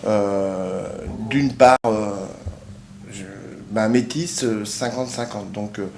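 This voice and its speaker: A man speaks very slowly in a group discussion, hesitating and searching for his words. His voice has a mid pitch. Echo fills the room, with faint noise behind. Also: a little mellow. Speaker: discussion participant. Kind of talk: casual discussion.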